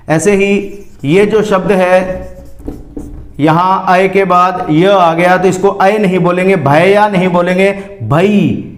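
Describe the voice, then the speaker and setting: A man teaching a spelling lesson, slowly repeating each word to show how it is said. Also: high voice, reverberant. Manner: slow, careful, repeats words to show pronunciation. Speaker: Hindi grammar teacher.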